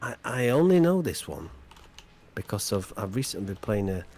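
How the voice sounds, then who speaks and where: A man's voice: on the low side, very animated, moderate pace, a little mellow. A man hosting a chat quiz on a live game stream, playful and teasing, with jokey asides between questions.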